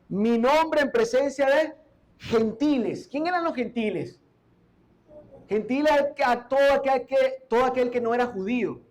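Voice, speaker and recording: A man's voice: extremely high pitch, a little mellow, poor audio. A male pastor giving a sermon. He reads scripture verse by verse and stops to explain it, asking the congregation rhetorical questions.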